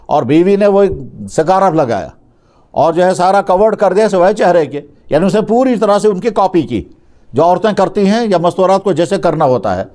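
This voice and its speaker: High pitched guy preaching, telling a story and acting out the dialogue. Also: darkish tone. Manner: speaks with conversational restarts. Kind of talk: storytelling sermon.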